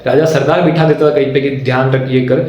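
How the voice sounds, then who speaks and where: A man's voice: mid-range voice, fairly even intonation, fast talker, a little mellow, highs cut off. A man teaching a history lesson for exam prep, who repeats each point, asks himself questions and keeps checking in with the class. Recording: very echoey room.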